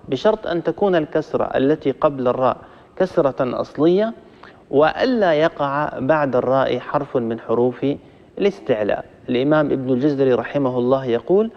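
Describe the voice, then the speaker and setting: Patient male recitation teacher, roomy sound. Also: fairly high pitch. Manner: patient, explains rules step by step. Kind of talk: live recitation coaching. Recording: roomy, muffled audio.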